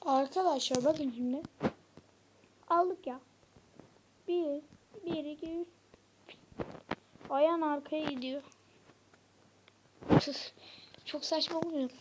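A gaming YouTuber gives casual let's-play commentary, talking directly to her viewers and getting frustrated quickly. Her voice is high-pitched, with background noise in the recording.

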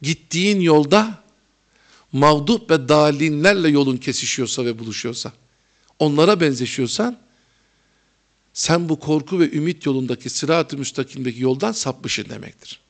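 A man's voice: fairly high pitch, moderate pace. A middle-aged man preaching a religious lecture, chatting with humor to his audience and building to fervent emphasis.

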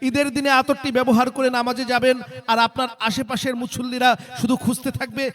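A man with a strikingly high-pitched voice and a Bangladeshi accent works through a hard-sell advertisement. He announces like a street promoter, repeating the offer insistently and pressing listeners to buy. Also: flat delivery, fairly quick, a bit bright. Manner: insistent, repetitive sales pitch urging listeners to hurry. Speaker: sales announcer for a promotional vehicle.

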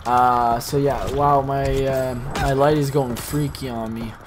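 A young man giving casual, slangy commentary while opening loot in a video game, excitable and rambling. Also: mid-range voice, measured pace, a crowd in the background. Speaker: gaming YouTuber.

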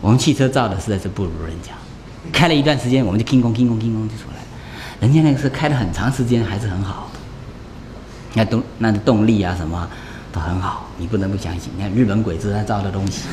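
A man's voice: on the low side, a little mellow, a little hiss or hum. A man, a Buddhist monk, giving a conversational dharma lecture, talking in a chatty way and often tossing rhetorical questions to his listeners.

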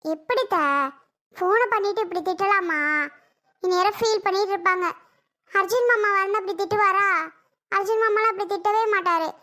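Indignant young daughter-in-law, put on super high and bright, whiny and defiant, family comedy skit. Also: moderate pace, long pauses. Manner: indignant, complaining.

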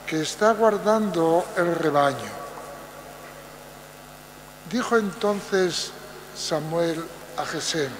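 Very slow, high-voiced older reader. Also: male voice, a bit bright. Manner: very slow, measured, deliberate phrasing. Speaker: lay reader. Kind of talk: liturgical Bible reading. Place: large church, at a lectern. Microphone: lectern mic. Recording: roomy church echo, long reverb, faint mains hum.

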